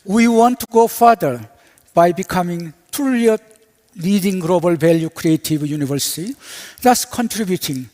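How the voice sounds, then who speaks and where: A man, a university president, giving a measured, ceremonial welcoming speech on a symposium stage. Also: high-pitched, animated, a little mellow. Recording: long reverb of a hall.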